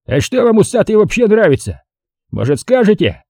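A rowdy, drunken army officer who swaggers and goads everyone around him, as a male reader puts him on. The voice sits well above the reader's own, gravelly and husky, with wild swings in pitch. It is told as a storybook scene. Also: big pitch swings, normal speed, mellow, dry recording, studio quality. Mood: taunting. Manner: boisterous drunken bluster. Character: drunk brawling army lieutenant colonel, loud and cocky.

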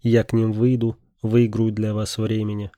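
A man doing a stern, resolved father in an audiobook thriller. He speaks slowly and seriously, in a low, mellow, fairly flat voice with no hurry at all. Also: dry recording, close to an everyday voice. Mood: grave. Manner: serious, measured. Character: determined older man, father, calm.

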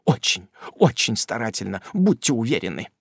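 A man's voice: fairly low pitch, very animated, moderate pace, husky, no room sound, studio quality, heavily acted. A man reading a storybook, voicing a sly male servant who gushes and fawns in a whiny, ingratiating way. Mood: fawning. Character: sly fawning male servant, tearful, falsely innocent.

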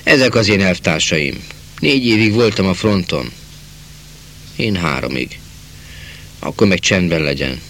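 A man's voice: deep voice, lively intonation, long pauses, fairly bright tone, a little hiss or hum. A man voicing a big, burly former soldier in an audiobook, speaking bluntly and rebuking. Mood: gruff.

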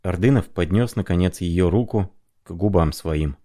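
A man narrating a classic novel as an audiobook in a measured, even storytelling manner. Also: sits low.

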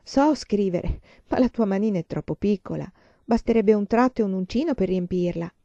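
A woman voicing a gentle, quietly sad grown man in a storybook reading, speaking softly. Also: mid-range voice, expressive, moderate pace, dry recording, muffled recording, close to an everyday voice. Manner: soft, gentle.

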